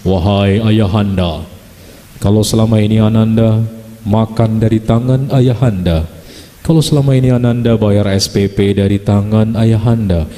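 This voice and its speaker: A man voicing an earnest young suitor who formally asks a father for his daughter, in a solemn, measured way. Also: on the low side, fairly even intonation, warm tone, long reverb tail, pitched below the performer's own voice, natural voice.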